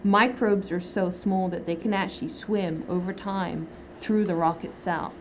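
A woman's voice: fairly low pitch, steady tone, a little slow, a little hiss or hum. A woman in her thirties, a microbiologist, explaining her research in a documentary interview in a lab, gesturing as she talks. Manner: explanatory, gestures while talking. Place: indoor lab.

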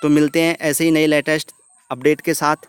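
A man's voice: a little high, little pitch movement, brisk, clean tone. A man hosting a YouTube channel, walking viewers step by step through a phone screen recording and addressing them often as friends. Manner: step-by-step, repeats "दोस्तों" often. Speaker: YouTube tutorial host.

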